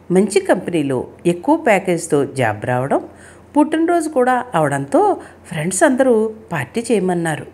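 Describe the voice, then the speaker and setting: A woman narrating a written short story with an expressive, emotional reading. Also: on the low side, slightly rough.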